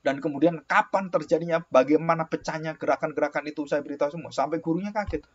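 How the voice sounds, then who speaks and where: Male pastor, sermon, storytelling with exclamations, husky, dull lo-fi sound. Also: on the high side, fast talker. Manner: storytelling with acted dialogue, exclamatory. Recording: dull lo-fi recording.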